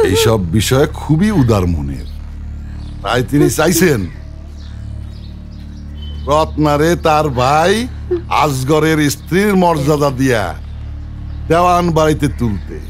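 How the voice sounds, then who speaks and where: An actor playing a brash, sly and persuasive fixer in a film drama. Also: male voice, medium pitch.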